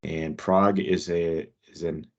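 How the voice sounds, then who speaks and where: Guy with a lowish voice running a staff meeting on a video call, kinda muffled sound. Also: steady tone, unhurried, a little mellow. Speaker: meeting host presenting safety updates. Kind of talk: informal work meeting presentation. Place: online meeting. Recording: dull, lo-fi video call audio.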